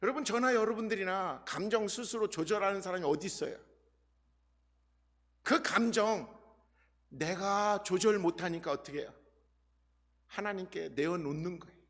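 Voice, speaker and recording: A man's voice: high voice, moderate pace, pauses often. A male pastor preaching a sermon in a church sanctuary, speaking straight to the congregation and acting out prayers with feeling. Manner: animated preaching, addresses the congregation directly; acts out prayers and dialogue in an earnest voice. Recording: reverberant church hall.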